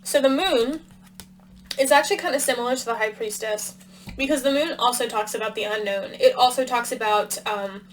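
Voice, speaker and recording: Woman tarot reader, slightly high voice, chatty and musing, cough drop in her mouth, faint hum behind. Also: fairly quick, low-quality recording. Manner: chatty, thinks aloud with fillers and restarts. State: talking around a cough drop. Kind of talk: casual tarot reading to camera.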